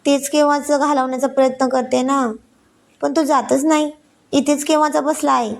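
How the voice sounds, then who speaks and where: A woman's voice: high voice, steady tone, normal speed, gravelly. A woman voicing a playful young newlywed wife who coaxes and pleads with her husband, in a read-aloud story. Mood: pleading. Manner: coaxing, pleading.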